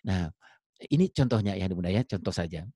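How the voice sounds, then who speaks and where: A man's voice: deep voice, brisk, breathy edge, no room sound, studio quality. A middle-aged man giving a parenting talk to parents, addressing them directly and acting out little dialogues to make his points. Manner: lively storyteller, acts out dialogue in raised voices; addresses listeners directly as ayah and bunda. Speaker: parenting speaker.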